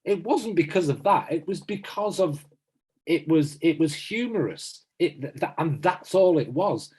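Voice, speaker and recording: In his fifties and from south Manchester, this podcast co-host makes his points forcefully in casual conversation, circling back to repeat them. He talks at a measured pace in a slightly high, animated voice that is husky and darkish in tone.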